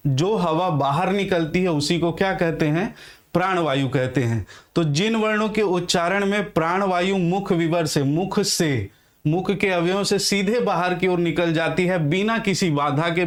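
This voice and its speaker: A young man teaching Hindi grammar in a lecture, asking questions and answering them himself, sounding out letters slowly. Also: high voice. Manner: repeats questions and answers them himself, addresses viewers as friends. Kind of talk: classroom lecture.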